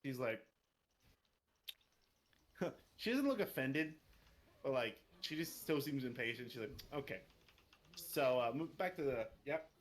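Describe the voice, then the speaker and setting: A man's voice: medium pitch, animated, measured pace, pauses often. Chatty male game master. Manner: loose and chatty, swears casually, laughs often. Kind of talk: narrating a tabletop game.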